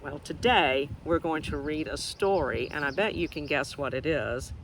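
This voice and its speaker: Outdoors in nature, a woman teacher reads a picture book to young children, expressive and asking them questions directly while explaining things simply. Her voice is low-pitched and moderately paced, with slight background noise.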